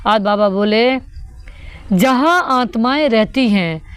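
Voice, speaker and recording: A woman's voice: a little high, lively intonation, slow, a bit bright, clean tone. A woman giving a devotional sermon that explains the daily spiritual teaching, repeating each point and putting rhetorical questions to her listeners.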